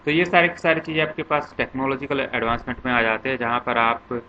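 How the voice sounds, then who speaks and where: A man's voice: mid-range voice, fast, bright, forceful tone. A man teaching commerce, walking through concepts in a lecture with lists and examples. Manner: explains step by step with many examples and lists. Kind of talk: classroom lecture. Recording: slightly dull lo-fi with faint noise.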